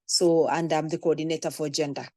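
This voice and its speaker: A woman's voice: low-pitched, steady tone, warm tone, no echo. Friendly Kenyan woman on a dry call. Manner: friendly, halting with fillers. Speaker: panelist, community organizer. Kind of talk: webinar self-introduction. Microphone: video call, camera off.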